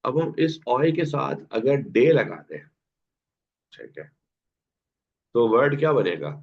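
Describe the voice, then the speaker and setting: In an online language class on a video call, a man teaching German speaks slowly in a mid-range, sing-song, creaky voice. He patiently quizzes his students and repeats words, and the class audio is dull and lo-fi.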